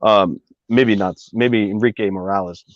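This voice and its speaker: A man's voice: lowish voice, steady tone, normal speed, no echo. A man casually telling a long personal story, rambling with many fillers and asides. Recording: dry, slightly dull recording.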